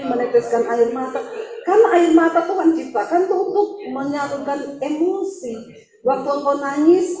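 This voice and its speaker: A woman pastor with a high voice preaches to her congregation. She tells a story with lively humor and laughs often. Her voice rings out in an echoey church room. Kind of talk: sermon storytelling.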